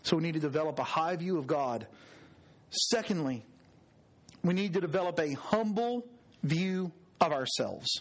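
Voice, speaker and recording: A man, preaching a conversational sermon with earnest, drawn-out emphasis on key words. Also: a little high, animated. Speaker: pastor.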